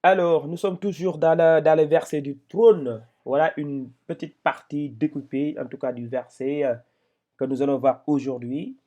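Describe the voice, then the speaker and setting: A man teaching Quran reading in a patient, step-by-step lesson, sounding out syllables one by one with frequent pauses and hesitations. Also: fairly high pitch, darkish tone, highs cut off. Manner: patient, repeats syllables aloud slowly with many hesitations.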